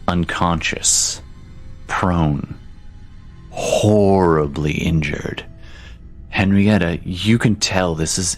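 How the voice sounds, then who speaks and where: A man narrating a tabletop game as dungeon master, slow and descriptive with fillers. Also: sits low.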